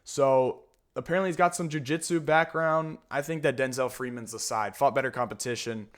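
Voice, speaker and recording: Young male host doing loose, off-the-cuff fight picks; mid-range voice, relaxed and candid. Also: mid-range voice, brisk. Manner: casual and candid, frequent fillers and restarts. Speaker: MMA fight predictions host. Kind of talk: casual solo fight breakdown.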